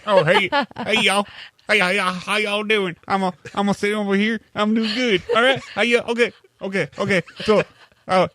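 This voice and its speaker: A man's voice: high-pitched, steady tone, normal speed, pushed and bright, dry recording, clean studio sound. A man putting on a folksy Southern good-old-boy voice during a joking podcast chat. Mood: goofy. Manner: folksy, lazy drawl.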